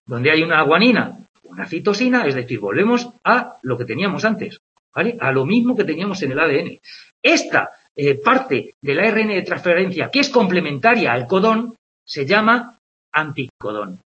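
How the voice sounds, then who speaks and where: A man's voice: on the high side, very animated, normal speed, sharp tone, dull audio. A man with a Spain Spanish accent teaching a biology lesson online, chatty and constantly checking in with his students, drawing with a mouse as he explains with playful comparisons. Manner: conversational, checks in with "¿vale?" and "¿de acuerdo?". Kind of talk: online lecture with on-screen drawing.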